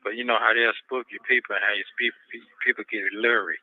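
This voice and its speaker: A man calling on a payphone line from jail, talking in halting bursts with restarts and fillers. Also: fairly low pitch, steady tone. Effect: payphone call from a jail phone. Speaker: inmate caller. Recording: tinny phone line.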